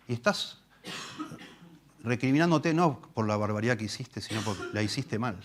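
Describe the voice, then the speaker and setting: A pastor with a fairly low male voice and a Rioplatense Spanish accent preaches an expository sermon in a church. His delivery is emphatic, rising to loud stressed words and dropping to low asides. He slows right down whenever he reads scripture. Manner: reads scripture slowly and deliberately.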